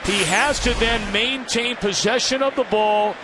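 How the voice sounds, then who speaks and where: A man's voice: sits high, a little slow. A man calling a football game as live television play-by-play commentary. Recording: loud stadium crowd and heavy noise.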